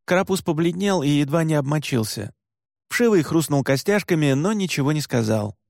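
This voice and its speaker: A male audiobook narrator reading in a measured, steady way. His voice sits somewhat high for a man. It is recorded dry, close to the mic, with no room sound. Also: gravelly, dry recording. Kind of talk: scripted narration.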